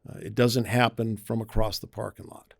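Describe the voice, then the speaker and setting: A man's voice: on the low side, level tone, moderate pace, gravelly, no echo. A man, a private investigator, talking through safety tips in a conversational podcast interview, often acting out quoted voices. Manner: conversational, acts out quoted voices, emphatic warnings.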